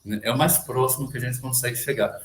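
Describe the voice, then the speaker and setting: Teaching Byzantine chant over a video call, a man talks quickly at medium pitch with fairly even intonation, and the sound is reverberant. He peppers his explanations with questions and occasionally chants a brief phrase as an example.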